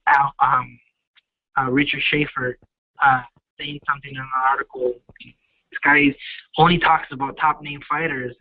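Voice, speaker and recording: A man's voice: mid-range voice, breathy edge, dry recording. A man in his twenties, a boxer giving a casual phone interview, speaking earnestly and confidently in short bursts. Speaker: professional boxer being interviewed. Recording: muffled phone line.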